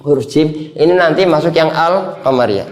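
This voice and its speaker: A man leads an Arabic grammar class with a fairly high voice, repeating each word patiently and calling on students by name. The sound bounces around a roomy classroom. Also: normal speed.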